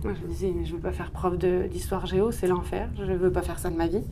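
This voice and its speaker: A fast-talking woman from France in her thirties, with a fairly low, steady voice and a French accent, is interviewed as an urban planner. She tells personal stories at length, conversational and self-deprecating, against background noise.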